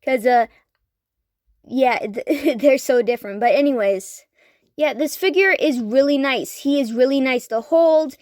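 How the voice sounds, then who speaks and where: A woman's voice: high voice, no room sound, studio quality. A woman in her thirties giving a casual toy review, eager and rambling, with lots of fillers and restarts. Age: 30s.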